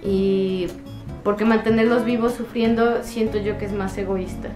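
A woman's voice: mid-range voice, steady tone, moderate pace. A woman vlogger chatting casually to camera, giving advice in a friendly way full of fillers. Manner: chatty, warm advice with diminutives and frequent fillers. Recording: echoey room with guitar music.

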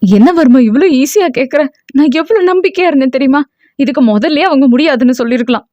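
A tearful, anxious mother, played by a woman reading an audio novel, her voice pitched high and pleading. She scolds and frets at her son. The dull, dry recording has no room sound. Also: very animated, fast talker, a little mellow, no room sound. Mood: disappointed.

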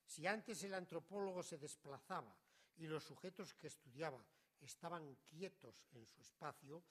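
A middle-aged conference speaker reads a prepared academic lecture in a measured, formal manner, his phrases often trailing off quietly at the end. His voice sits a little high and carries a breathy edge.

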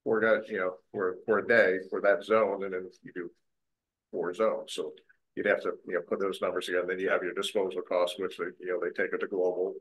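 A man from town staff talking haltingly with many fillers at a council meeting. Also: deep voice, level tone, fairly bright tone, slightly rough, poor audio. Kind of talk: public meeting discussion.

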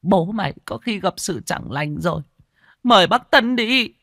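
A man's voice: high voice, animated, a little slow, gravelly, sharp tone, dry recording, studio quality, pitched above the performer's own voice, heavily acted. A man voicing a panicked old village woman who wails and pleads. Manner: wailing, pleading.

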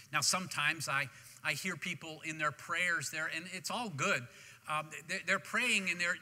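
Guy preaching in church, high bright voice, lots of restarts, big hall echo. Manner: animated preaching with repeated restarts. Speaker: pastor. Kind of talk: sermon. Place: church sanctuary. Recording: long reverb of a church hall.

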